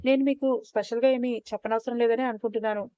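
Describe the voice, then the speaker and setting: A woman's voice: fairly high pitch, steady tone, quick pace, warm tone, dry recording, close to an everyday voice. A woman voicing a remorseful young woman who speaks earnestly and apologetically in a story reading. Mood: composed. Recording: dull, dry lo-fi recording.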